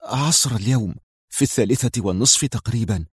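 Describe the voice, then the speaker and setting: A man voicing a frightened young male informant who speaks quietly and nervously, in a storybook reading. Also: on the low side, fast talker, breathy edge, no echo, studio quality.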